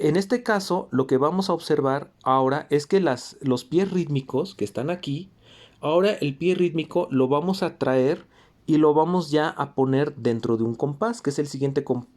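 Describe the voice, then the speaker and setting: A man giving a patient music theory lesson, explaining notation step by step with frequent pauses and fillers. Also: mid-range voice, mellow. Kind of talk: lecture explaining notation on a score.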